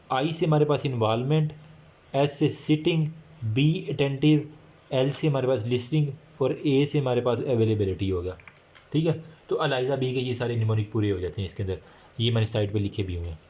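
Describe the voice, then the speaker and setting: Here a man lectures casually on a recording, his voice medium in pitch with a darkish tone. He reads the English points at a slow pace and explains them in chatty Hindi full of fillers.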